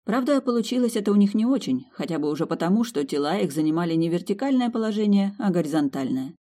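A woman narrating a novel with a lively, expressive reading. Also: mid-range voice, quick pace. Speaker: audiobook narrator. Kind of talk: audiobook narration.

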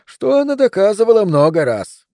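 A man voicing a gruff, wry police captain near retirement, speaking in a raised, louder voice with joking banter. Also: high voice, very animated, moderate pace, no echo, studio quality, voice pushed up.

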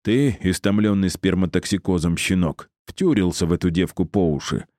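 A man's voice: deep voice, moderate pace, dark tone, no room sound, studio quality, lightly acted. A man voicing an arrogant, cruel male necromancer who mocks and insults his captives. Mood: mocking. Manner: mocking, condescending, insulting.

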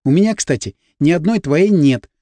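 A man reading an audiobook, voicing a teenage schoolgirl who is affectionate, teasing and quick to get jealous. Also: a little high, animated, warm tone, no room sound, lightly acted.

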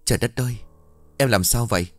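A man's voice: medium pitch, fast, no room sound, faint music behind, voice pushed up, lightly acted. A man voicing an alarmed young husband in an audio story.

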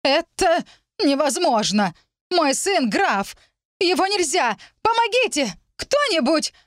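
A woman reading an audiobook, voicing an older noblewoman who wails hysterically in a drawn-out way. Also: on the high side, very animated, dry recording, studio quality, pitched above the performer's own voice. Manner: wailing, drawn-out. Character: hysterical aging countess mother, shrill.

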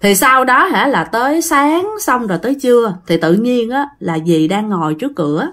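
A woman with a Southern Vietnamese accent, her voice on the high side and a bit bright, delivers a ghost story with lively intonation at a moderate pace. She keeps it chatty and talks straight to her listeners.

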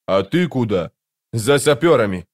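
A man voicing a tense male assassin who barks loud, urgent warnings in an audiobook. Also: medium pitch, lively intonation, moderate pace, close to an everyday voice. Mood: urgent shouting. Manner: loud barking commands.

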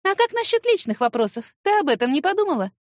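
A woman doing a shrill, catty office rival. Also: very animated, fast, no echo, studio quality. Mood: mocking. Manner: sneering, shrill and accusing.

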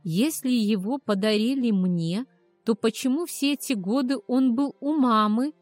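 A woman's voice: on the high side, a little slow, no echo. Woman reading a story with faint music. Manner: expressive, rising on anxious questions. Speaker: audiobook narrator. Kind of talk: scripted first-person narration.

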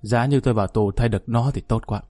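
A man voicing a worried elderly father who speaks softly and pleadingly. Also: medium pitch, fast talker, no room sound, faint music behind, lightly acted. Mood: weary.

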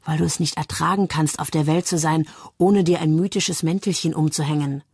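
A woman reading the part of a sharp, skeptical young woman who talks coolly and cuttingly, in a husky voice. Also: deep voice, fairly even intonation, brisk, no room sound, studio quality.

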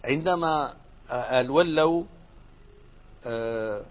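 A sheikh teaching Arabic grammar speaks slowly at a medium pitch. He puts questions to his class and answers them himself, moving between formal and colloquial speech, and the lecture recording is dull and lo-fi.

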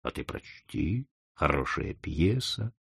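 A man voicing a gruff, ironic male boss who mocks and blusters. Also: expressive, measured pace, bright, forceful tone, full character voice. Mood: calm. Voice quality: low, mocking.

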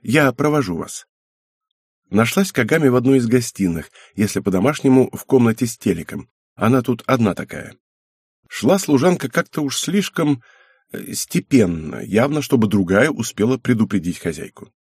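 A man reading an audiobook aloud in an even, matter-of-fact way. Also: medium pitch, normal speed, slightly rough, dry recording, clean studio sound. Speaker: audiobook narrator. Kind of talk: audiobook narration.

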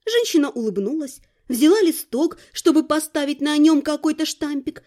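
Lady reading an audiobook in first person, kinda ironic and chatty, high pitched, soft warm sound. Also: lively intonation, normal speed. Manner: ironic, colloquial storytelling. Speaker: audiobook narrator.

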